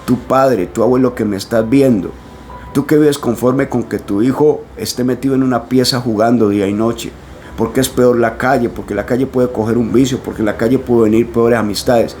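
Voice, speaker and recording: A man's voice: mid-range voice, steady tone, fairly quick, darkish tone, slight background noise. Man preaching earnestly. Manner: earnest, warning tone, addresses parents directly. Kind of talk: preaching to camera.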